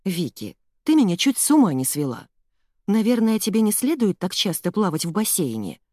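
A fussy, strict mother who scolds with emphatic force, as a woman puts her on in a storybook reading. Her lines leap about in pitch, and the recording is close and completely dry. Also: sing-song, normal speed, darkish tone, no echo. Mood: fussing.

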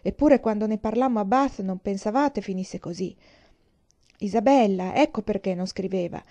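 A woman's voice: medium pitch, moderate pace, dark tone, natural voice. A woman reading an audiobook voices a distressed, earnest young woman who speaks in a pleading, agitated way.

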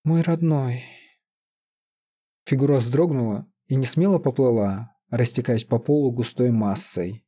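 A man calmly reading a fantasy story aloud as an audiobook narrator. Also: medium pitch, moderate pace, hardly any pauses, breathy edge. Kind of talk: scripted narration.

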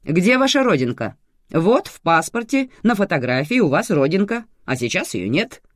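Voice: medium pitch, big pitch swings, moderate pace, no room sound, studio quality, pitched above the performer's own voice, natural voice. A reader voicing a stern female airport supervisor who barks orders and interrogates. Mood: interrogating. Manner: harsh, shouting, interrogating.

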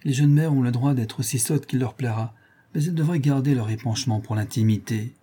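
A man voicing a proud, bitter young woman in a low, subdued tone, reading a story aloud. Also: a little fast, dark tone, breathy edge, natural voice. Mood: cool.

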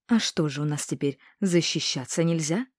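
A woman reading a novel aloud, voicing a fierce, bossy witch who talks in a sharp, commanding way. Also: low-pitched, moderate pace, no room sound.

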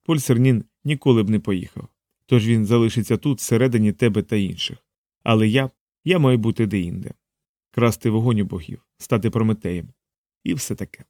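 A man reading an audiobook, voicing a calm, mysterious thief who speaks quietly and with detachment. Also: fairly low pitch, a little fast, no echo, studio quality, close to an everyday voice. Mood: detached.

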